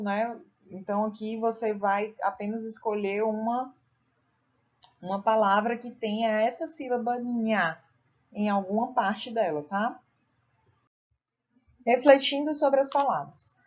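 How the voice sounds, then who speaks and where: A woman teacher talks through a workbook exercise, patient and step by step, checking in with frequent tag questions. Her voice sits at an ordinary middle pitch. The recording is a little dull and lo-fi. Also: darkish tone. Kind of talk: recorded classroom lesson walking through a workbook.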